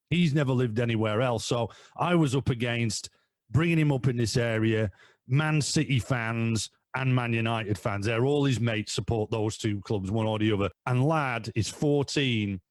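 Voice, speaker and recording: A man's voice: mid-range voice, no room sound, studio quality. Enthusiastic father rambling about his podcast. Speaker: podcast guest, father and co-host of a fan podcast. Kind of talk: casual chat.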